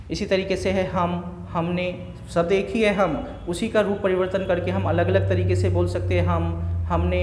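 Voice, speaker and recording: A man teaching a grammar lesson, going slowly and listing example words one at a time. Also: high voice, a little mellow, a little hiss or hum. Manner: slow, repeats examples one word at a time. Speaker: school teacher. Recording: echoey room with long reverb.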